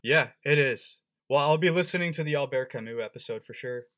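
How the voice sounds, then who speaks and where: A man's voice: mid-range voice, fairly quick, a bit bright. Young man in quizzical podcast banter. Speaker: podcast co-host. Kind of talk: casual chat.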